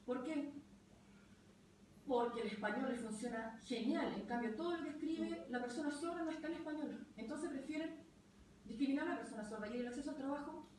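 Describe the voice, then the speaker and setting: High and fairly quick, a woman's darkish voice carries a slight hiss or hum. She is a sign language interpreter voicing a deaf speaker in short, clipped phrases during a live panel talk. The recording sounds far off in a very echoey room.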